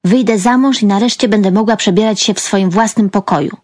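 This is an eager, lovestruck young woman from an audiobook, hushed and confiding , as a woman narrator puts her on. The sound is close and dry. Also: mid-range voice, brisk, no echo, close to an everyday voice. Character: excited young woman in love.

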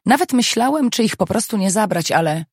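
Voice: medium pitch, animated, slightly rough, no room sound, studio quality, voice pushed up. An audiobook reader voicing an earnest, slightly defensive young man who explains things hurriedly. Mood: explaining. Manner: hurried, eager. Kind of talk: audiobook dialogue.

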